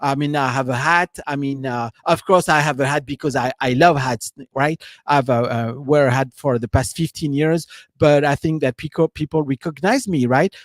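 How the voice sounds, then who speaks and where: A French-accented man from France hosts a casual live stream as a business coach, rambling and leaning on "you know" and "right?". He speaks at medium pitch and normal speed, and the recording has no echo.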